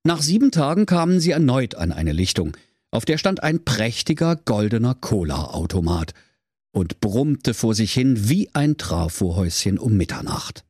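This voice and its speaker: A man tells a comic fairy tale in a mock-solemn storyteller voice. His pitch rolls up and down a great deal. The recording is dry and close. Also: big pitch swings, moderate pace, darkish tone, husky, dry recording. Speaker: radio comedian.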